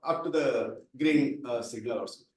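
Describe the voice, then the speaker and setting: Here a man with a mid-range voice, talking a little quickly, runs a speaking workshop. He patiently explains and invites volunteers to come up. It sounds like a distant mic in a hall with lots of echo.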